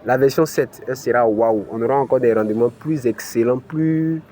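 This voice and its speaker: A man's voice: medium pitch, normal speed, mellow. A man with an African French accent walks viewers through a screen-recorded tutorial step by step, with lots of "ok" and "voilà". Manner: explains step by step, many "ok" and "voilà" fillers. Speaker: crypto channel host.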